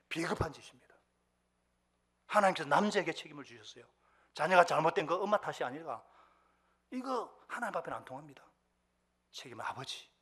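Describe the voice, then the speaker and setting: A man with a husky, medium-pitched voice preaches a sermon as pastor. He poses questions to the congregation and swings between loud outbursts and hushed, whispered asides.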